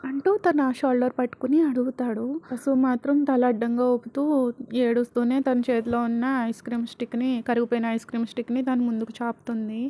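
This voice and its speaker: A woman's voice: fairly high pitch, little pitch movement, fairly quick, warm tone. A woman narrating a story in a chatty, conversational way.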